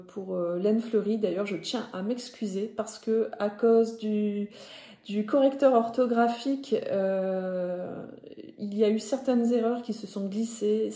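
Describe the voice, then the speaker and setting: In an echoey room, a Ch'ti-accented woman from northern France talks through her knitting podcast with a medium-pitched, dark-toned voice. The conversation is casual and hesitant, peppered with self-corrections.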